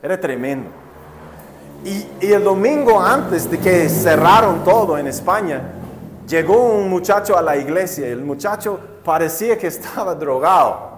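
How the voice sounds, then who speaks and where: A pastor delivers his sermon in a voice pitched a little above most men's. He tells stories, asks his listeners rhetorical questions, and calls out to them as brothers and sisters. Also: animated, moderate pace, noisy background. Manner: storytelling with rhetorical questions to the congregation.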